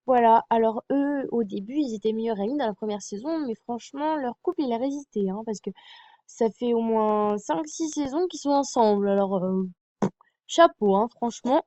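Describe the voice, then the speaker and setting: Young girl chatting about a tv show, kinda high voice, soft mellow tone, dull lo-fi sound, lots of euh and sorry. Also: moderate pace, no room sound. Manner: hesitant, many fillers and apologies. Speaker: fan vlogger. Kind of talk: casual fan presentation.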